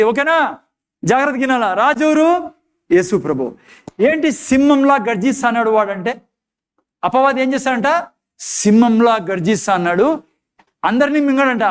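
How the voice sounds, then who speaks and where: A man preaching a sermon as pastor, emphatic, firing off rhetorical questions. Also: smooth. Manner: emphatic preaching, repeated rhetorical questions, acted quotes in low despairing tones.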